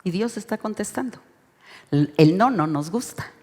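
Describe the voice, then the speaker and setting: A woman's voice: mid-range voice, normal speed. Mexican woman teaching a Bible study. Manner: expressive, prompts the group to read along. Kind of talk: interactive Bible study lesson. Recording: reverberant hall sound.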